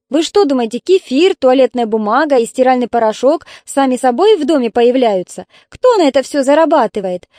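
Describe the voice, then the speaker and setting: A woman voicing a tired, sharp-tongued elder daughter, sarcastic and exasperated, in an audiobook reading. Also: high voice, no echo, studio quality, voice pushed up.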